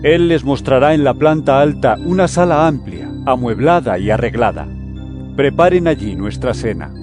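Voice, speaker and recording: A man playing Jesus as a solemn, deliberate teacher in a scripture audio drama. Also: medium pitch, expressive, music in the background, lightly acted. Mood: calm instruction. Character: Jesus, solemn adult male teacher warning and instructing disciples.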